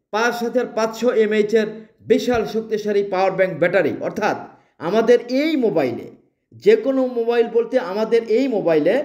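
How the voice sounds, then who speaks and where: A man with a Bangladeshi accent pitches a product with emphatic promotional energy, repeating his selling phrases again and again.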